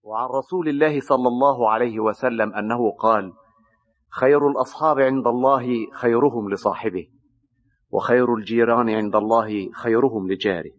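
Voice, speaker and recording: An actor playing a calm male radio announcer who reads a religious saying with formal, measured delivery, heard as if from a radio set in an old radio play. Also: mid-range voice. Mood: solemn. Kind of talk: solemn broadcast reading. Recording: muffled, distant old radio sound.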